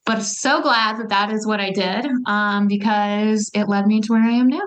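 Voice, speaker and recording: Young woman, from Alabama, chatty storyteller, quick asides, lots of fillers, casual interview. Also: medium pitch, fairly even intonation. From Huntsville, Alabama. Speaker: guest.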